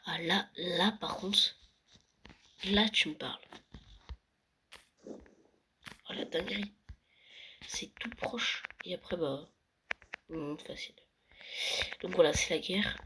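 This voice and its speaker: A young vlogger touring a Minecraft world late at night, often whispering and speaking softly. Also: mid-range voice, slow, pauses often, rough recording. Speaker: gaming vlogger. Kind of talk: casual Minecraft world tour. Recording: loud background noise.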